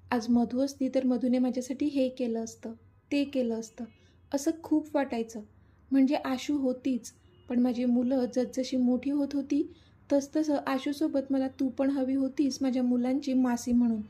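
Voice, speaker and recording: A woman's voice: high voice, dark tone, husky. A woman reading as a tender, teasing young mother.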